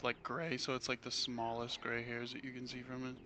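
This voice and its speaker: A man's voice: mid-range voice, monotone, brisk, bright, forceful tone, a little hiss or hum. Teasing man in gaming voice chat. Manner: joking, teasing, swears often. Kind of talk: casual voice chat while gaming.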